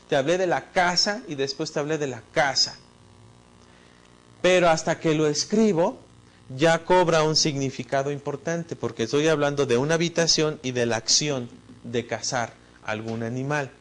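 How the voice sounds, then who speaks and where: Man, teacher lecturing, explanatory, higher voice. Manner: explanatory, addresses the student directly. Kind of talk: online lecture on spelling.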